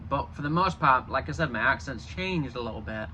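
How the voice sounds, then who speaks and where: Lively and a little fast, the young vlogger's mid-range voice sounds bright and forceful, with a little hiss or hum behind it. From Yorkshire in northern England, he speaks with a Yorkshire accent touched by a slight Canadian twang, rambling chattily and restarting often.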